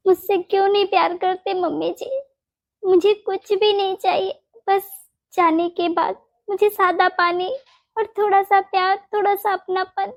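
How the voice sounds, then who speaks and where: A woman voicing a young, gentle married daughter-in-law in a Hindi cartoon, talking in a soft, pleading way. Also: extremely high pitch, no echo, highs cut off, heavily acted. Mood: hurt. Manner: soft pleading, keeps saying "mummy ji".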